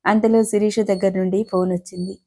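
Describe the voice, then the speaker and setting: A woman narrating an audio novel in a steady, unhurried storytelling manner. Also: medium pitch.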